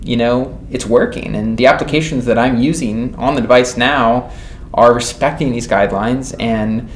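A man's voice: fairly even intonation, moderate pace. A man in his thirties, speaking enthusiastically as a company representative in an expo interview. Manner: enthusiastic, talks with his hands. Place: booth at a tech expo, indoors. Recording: roomy expo hall with faint rumble.

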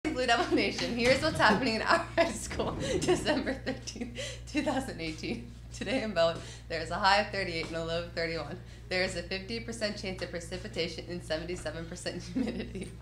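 A teenage girl reading the school's morning announcements over the intercom in a steady, clear way, with a brief giggle now and then. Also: medium pitch, a little fast, reverberant, noisy background.

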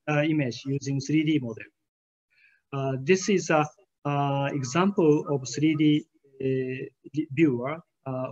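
A man with a rather high voice gives a conference keynote over slides, speaking hesitantly with frequent "uh" fillers and careful, formal phrasing. He is on a video call using a webcam, so the audio sounds slightly muffled.

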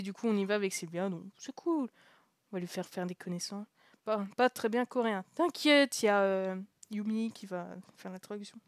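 A young woman streaming a visual novel, reading it aloud and commenting in a chatty, joking way with frequent laughs and hushed asides. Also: mid-range voice, no echo, studio quality. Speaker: streamer playing a story game.

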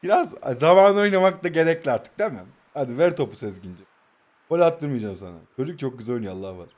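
High-voiced young man teasing his game rival. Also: fast talker. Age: 20s. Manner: playful, taunting, bursts into excited match commentary. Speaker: mobile football gaming YouTuber. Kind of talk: live gameplay commentary, teasing opponent.

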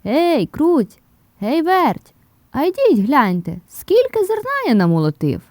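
A woman's voice: high voice, huge pitch swings, moderate pace, a little mellow, no room sound, pitched above the performer's own voice. A woman voicing a hardworking, cheerful rooster in an audio fairy tale, calling out in a sing-song way. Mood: calling, eager. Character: hardworking cheerful rooster, patient then stern.

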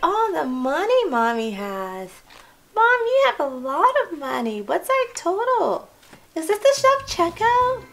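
A woman voicing an excitable little girl doll on her first shopping trip with her mom. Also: extremely high pitch, slow, full character voice. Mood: chatty. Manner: gushing, breathless with excitement. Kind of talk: toy doll play video.

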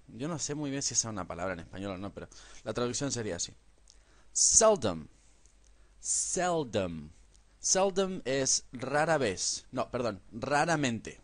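A man teaching an English lesson in a classroom style. He speaks, says English words slowly for the listener to repeat, and keeps checking in with a quick "¿vale?". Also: medium pitch. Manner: tags sentences with a questioning "¿vale?".

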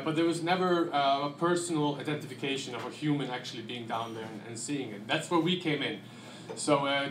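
A man in his thirties from Iceland with an Icelandic accent, giving a relaxed, conversational slide talk on a handheld mic with many fillers. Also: on the high side, a little hiss or hum. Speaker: guest presenter. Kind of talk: slide presentation to an audience. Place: dim restaurant event room. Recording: echoey room.

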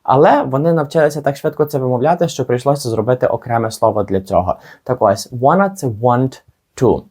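A man teaching a spoken language lesson, modelling practice phrases slowly and deliberately. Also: mid-range voice, darkish tone, husky. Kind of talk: scripted lesson narration.

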